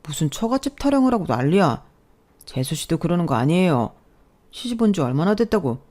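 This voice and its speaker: A woman's voice: lowish voice, big pitch swings, fairly quick, mellow. A woman voicing a stern, lecturing eldest brother. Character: stern eldest brother, self-righteous man.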